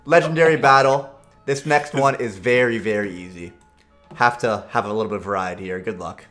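A man's voice: on the low side, brisk, a bit bright, soft background music. A young man hosting an online quiz show in a casual, teasing way, laughing often into a streaming microphone. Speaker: game show host.

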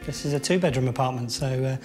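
A man's voice: medium pitch, quick pace, darkish tone, faint music behind. Man in his thirties, developer on a site walk; hesitant, lots of ums and restarts, echoey room. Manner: hesitant, many fillers and restarts. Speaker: housing developer. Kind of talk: on-site interview. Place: large empty old building indoors. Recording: echoey hall with faint noise.

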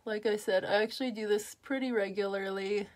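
A woman's voice: mid-range voice, fairly even intonation, a little fast, a little mellow. A woman talking through a makeup tutorial in a chatty, upbeat way, with lots of fillers as she works. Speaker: makeup artist.

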